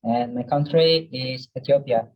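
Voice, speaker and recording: A young student giving a careful, measured class answer. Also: male voice, medium pitch. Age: young adult. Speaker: student panelist. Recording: dull lo-fi call audio.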